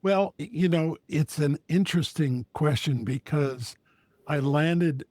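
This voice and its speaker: A man's voice: a little high, measured pace, a little mellow, no echo. Man, close dry sound. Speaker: storyteller and podcast co-host. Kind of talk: casual conversation.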